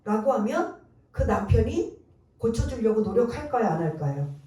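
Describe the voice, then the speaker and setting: A woman's voice: on the high side, big pitch swings, moderate pace, dark tone, slight background noise. A woman pastor preaching a sermon, emphatic and quizzing her congregation with rhetorical questions. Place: church sanctuary. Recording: very echoey church hall, mic at a distance.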